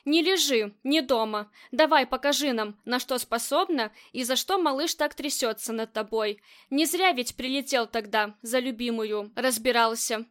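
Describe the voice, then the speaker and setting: A woman's voice: fairly high pitch, normal speed, fairly bright tone, close to an everyday voice. A woman voicing a cruel male crime boss who barks menacing orders in an audiobook.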